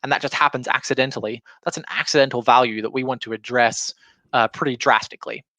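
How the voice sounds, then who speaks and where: With an alarm sounding behind him, a business trainer talks fast in an informal, conversational explanation, using imagined quotes as examples. His medium-pitched voice is pushed and bright with fairly even intonation, and there's no room sound.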